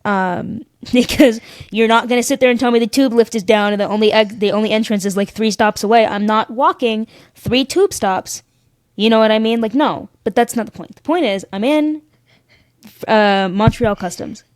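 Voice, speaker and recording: A woman guest on a podcast, telling stories in a sassy, animated way and acting out the other people in them. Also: on the high side, normal speed, no echo, studio quality. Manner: animated, sassy, acts out voices in her stories. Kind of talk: casual storytelling chat.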